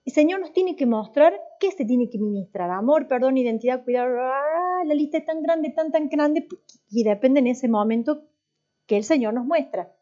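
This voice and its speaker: A woman's voice: high voice, lively intonation, moderate pace, warm tone. A woman teaching a church class in a conversational way, putting questions to her students and often restarting her sentences. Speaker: worship and voice teacher. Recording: dull lo-fi recording.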